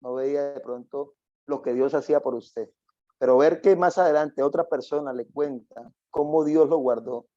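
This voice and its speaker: A man co-hosting a talk show speaks in a warm, mellow voice as he gives grateful, reflective closing comments. The sound is dull and lo-fi, with a dry quality. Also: mid-range voice, moderate pace, no echo. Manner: grateful, reflective, repeats himself.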